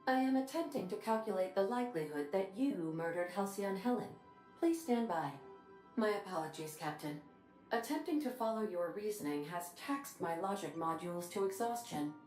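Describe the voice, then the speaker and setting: Polite ship-computer AI: formal, computer-processing delivery, roomy echo, faint music under it. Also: female voice, mid-range voice, moderate pace. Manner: formal, precise, politely deadpan. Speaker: ship computer in a video game.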